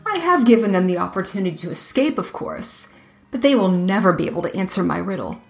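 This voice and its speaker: Smug boastful male dragon, read by a woman, sly, smooth, coaxing, storybook voice. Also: mid-range voice, big pitch swings, fast talker, soft background music.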